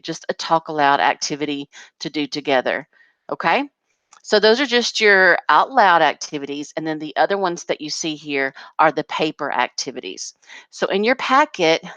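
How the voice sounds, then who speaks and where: A woman's voice: on the low side, a bit bright, clean tone, dry recording. A woman kindergarten teacher patiently walking parents through a home learning packet, step by step.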